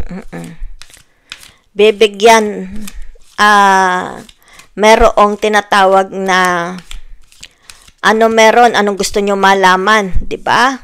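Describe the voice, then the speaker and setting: A woman's voice: medium pitch, fairly bright tone, clear, resonant tone. A woman with a Filipino accent giving a casual tarot reading, chatty and full of "di ba?" tags, mixing Tagalog and English. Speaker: tarot reader.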